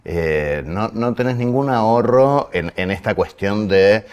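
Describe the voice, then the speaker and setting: Deep-voiced man with a Rioplatense accent. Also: expressive, measured pace, clear, resonant tone. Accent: Rioplatense Spanish. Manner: explains with figures, frequent fillers and self-corrections. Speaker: guest, program director of a foundation. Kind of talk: earnest interview answers.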